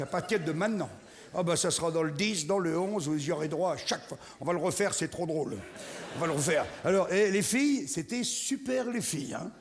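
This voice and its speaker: A middle-aged man performing a crude, teasing stand-up routine on a theatre stage, egging on his audience. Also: high voice. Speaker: stand-up comedian. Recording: live hall recording, loud crowd.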